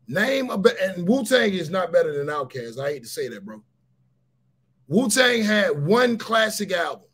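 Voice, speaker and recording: A man runs a casual livestream in a fairly high, husky voice. He talks straight to his viewers in an animated way. He drives each point home by repeating it and often raises his voice to a shout. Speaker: livestream host.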